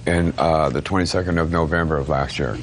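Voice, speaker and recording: A man's voice: extremely low pitch, steady tone, brisk, slight background noise. An American man answering questions as a plaintiff in court, polite, brief and a little hesitant.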